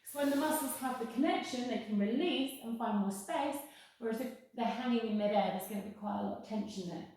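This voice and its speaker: Female yoga teacher, higher-pitched, careful and unhurried, reassuring instruction, very roomy and slightly distant recording. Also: a little mellow. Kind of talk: guided yoga class instruction. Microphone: worn mic near the face. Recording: very echoey room, distant-sounding.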